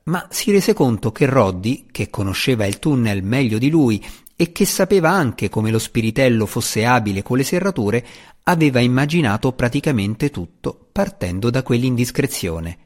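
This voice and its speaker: A man reads a fantasy novel aloud as its narrator, his voice set at a middling pitch. He tells the story dramatically, his pitch rising and falling in lively swoops. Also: moderate pace. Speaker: audiobook narrator. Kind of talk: scripted audiobook narration.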